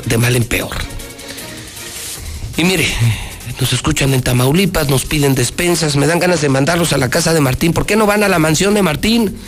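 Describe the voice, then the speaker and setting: A Mexican man hosting a live phone-in opinion show, speaking in an emphatic, repetitive, colloquial way with sarcastic rhetoric. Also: medium pitch. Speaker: radio and TV talk show host. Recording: music bed behind the voice. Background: background music.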